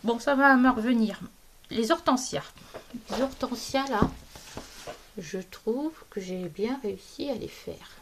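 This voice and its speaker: A woman from France talks casually through her colouring pages, pausing and hunting for words. Her speech is slow and unhurried, and her voice sits a little high with a noticeable gravelly fry. Faint noise hums underneath. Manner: hesitant, searching for words with many fillers. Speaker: colouring hobby vlogger.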